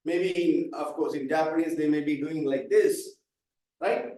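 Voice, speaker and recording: Leading a speaking workshop, this man explains things patiently and calls volunteers up to the front. His voice is fairly high, steady and warm, with a measured pace. The mic is far away in an echoey hall.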